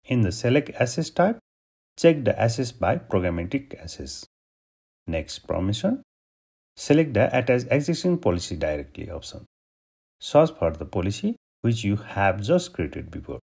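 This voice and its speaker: Low husky guy from nepal walking through a software tutorial step by step, voice swings up and down a lot. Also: moderate pace. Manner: steady step-by-step instructions. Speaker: tutorial host. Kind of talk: screen-recorded software tutorial.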